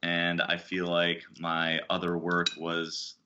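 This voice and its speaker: A young man hosting a casual podcast, telling a candid story in a relaxed way. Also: low voice, takes it slowly, dull audio, noisy background. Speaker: podcast host.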